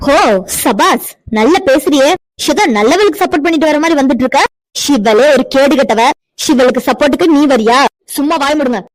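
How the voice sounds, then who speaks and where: A woman voicing a harsh, scornful older widowed mother-in-law in a cartoon, loud and insulting. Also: high-pitched, very fast, few pauses, dry recording, pitched above the performer's own voice, natural voice, rough recording. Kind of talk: cartoon voice acting.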